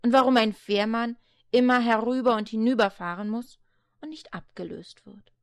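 A woman's voice: a little high, normal speed, smooth, no echo, close to an everyday voice. A woman voicing an earnest young man on a quest in a read-aloud fairy tale.

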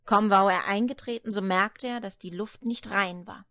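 A woman reading a fairy tale aloud in a calm, measured storytelling voice. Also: mid-range voice, dry recording.

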